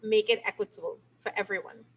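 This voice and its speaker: A middle-aged teacher and game creator from Trinidad and Tobago explains her work while answering interview questions. She talks fast in a medium-pitched, steady voice that is slightly rough.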